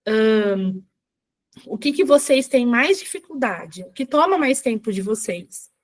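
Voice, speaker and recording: A woman running a live online workshop for teachers, chatty and checking in with her viewers, reading screen text aloud slowly, with a Brazilian Portuguese accent. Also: on the high side, expressive. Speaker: teacher trainer.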